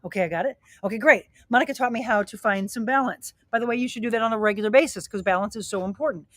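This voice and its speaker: A middle-aged woman coaching a live workout from outside her home, encouraging and energetic, a little out of breath as she exercises. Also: mid-range voice, no echo. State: slightly out of breath. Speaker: fitness and wellness coach hosting a live stream. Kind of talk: live-streamed workout and motivational talk. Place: outdoors at her home, by a grilling area.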